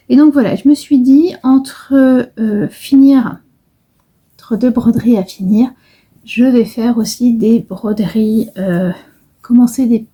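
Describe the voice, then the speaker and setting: A middle-aged woman talks casually to her camera about her handwork, wandering from one thought to the next with frequent pauses and restarts. Her voice is very dark and mellow, slightly high, with a breathy edge. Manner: rambling, hesitant, many fillers and restarts. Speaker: embroidery vlogger. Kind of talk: casual vlog chat.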